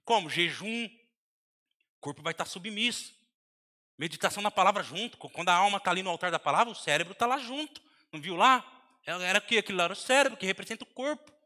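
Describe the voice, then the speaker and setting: A man with a Brazilian Portuguese accent preaching a sermon in a large church hall, breaking into sudden shouts between softer asides. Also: high-pitched, expressive, fast. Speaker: pastor. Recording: long hall reverb.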